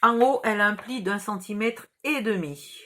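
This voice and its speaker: A woman's voice: mid-range voice, normal speed, background noise. A woman with a southern French accent giving patient, chatty step-by-step craft instructions. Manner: chatty, patient, explains each gesture. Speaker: craft tutorial host.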